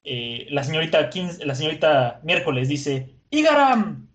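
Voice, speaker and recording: A man's voice: on the high side, normal speed. Chatty man retelling a story. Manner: animated, chatty retelling with fillers. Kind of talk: casual anime episode recap.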